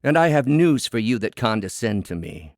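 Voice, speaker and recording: Pitching his mid-range voice above its natural level, a man plays a proud, defiant working woman, a cook in a storybook fable, who speechifies with indignant emphasis. The sing-song delivery moves at normal speed, recorded with studio quality and no echo.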